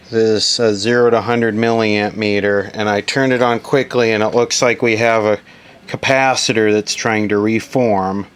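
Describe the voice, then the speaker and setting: An electronics repair video host with a smooth, mid-range voice thinks aloud while doing hands-on repair work. His running commentary is casual and matter-of-fact.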